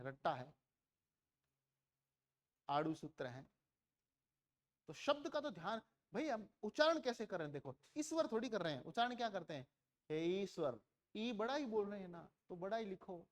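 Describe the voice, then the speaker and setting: A man from India teaches a grammar lesson in a high voice. He asks his students questions and answers them himself, repeating words to contrast their sounds.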